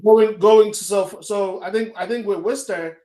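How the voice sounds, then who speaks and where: A man from Ghana, hosting a casual conversation and telling stories with lively energy. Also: sits high, moderate pace, reverberant.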